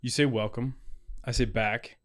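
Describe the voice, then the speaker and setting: A man's voice: medium pitch, steady tone, measured pace. A man co-hosting a casual podcast who laughs often and teases his partner. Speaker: podcast co-host. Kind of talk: casual chat.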